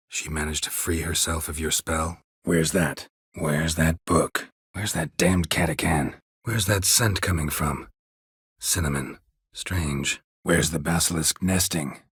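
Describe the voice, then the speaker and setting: An actor voices a stoic, world-weary monster hunter in a video game, with a gravelly, husky male voice that sits low. His delivery is terse, dry, deadpan and matter-of-fact, heavily exaggerated, with no room sound.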